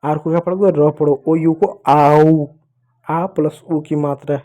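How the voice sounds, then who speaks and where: Man, teacher, mellow slightly high voice, patient, spells words letter by letter, call-and-response lesson. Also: flat delivery, unhurried, muffled recording. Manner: patient, repeating questions and answers in a call-and-response way. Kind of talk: Hindi phonics lesson for children.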